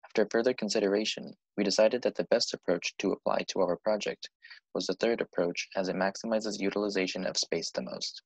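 Deep, gravelly man presenting a project. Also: a little fast, no room sound, poor audio. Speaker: student presenter.

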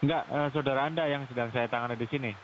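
A man speaks quickly over a phone line that sounds dull and lo-fi, with a faint hiss underneath. His manner is formal and officious but pushy, and he keeps tagging his sentences with "ya". He sounds like a self-declared officer pressing someone on a call. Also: medium pitch, fairly even intonation. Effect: heard over a phone line. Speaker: caller posing as a police officer.

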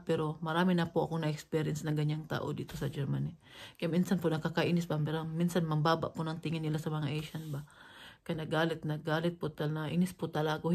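Cebuana lady vlogging, kinda low voice, going on and on all annoyed and restarting a lot. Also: darkish tone. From Cebu, Philippines. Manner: indignant, rambling retelling with many restarts. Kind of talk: casual storytime vlog.

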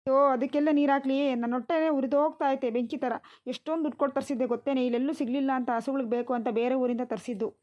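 A woman plays a cartoon village matriarch, an older woman with a rural Karnataka Kannada accent who scolds, laments and curses. Her voice sits high and rattles along quickly. The sound is dry and dull, a little lo-fi. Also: fairly even intonation, no room sound, natural voice. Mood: bitter. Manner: scolding, lamenting, cursing loudly. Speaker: mother-in-law and wife in a cartoon household. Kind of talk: cartoon voice acting.

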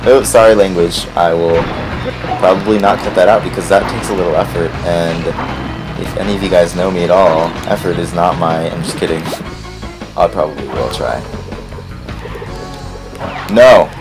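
A man hosting a let's play who rambles casually, gets excitable and swears when things go wrong, and whose voice is strained from recently losing it. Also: deep voice, normal speed, music in the background. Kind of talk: casual gameplay commentary.

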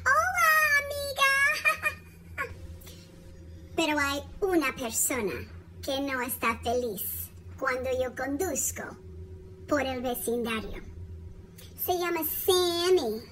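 Playful female teacher-storyteller, high and very slow for learners. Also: a little hiss or hum. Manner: playful, animated, laughs often, very clear. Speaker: Spanish teacher telling a story.

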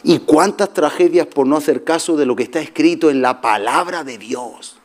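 A middle-aged man preaching a sermon as pastor, telling jokey stories with shouted asides. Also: fairly high pitch, moderate pace.

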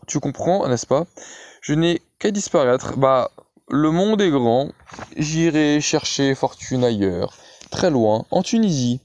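A man's voice: fairly high pitch, a little mellow, no room sound, clean studio sound. A man voicing a proud, ruined young viscount who speaks formally and earnestly in an audiobook reading.

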